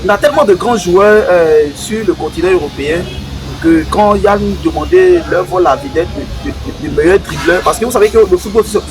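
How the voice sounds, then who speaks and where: A man's voice: high-pitched, a little fast, poor audio. A man giving emphatic football opinions, often repeating words as he searches. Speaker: football pundit. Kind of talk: debate commentary. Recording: music bed behind voice.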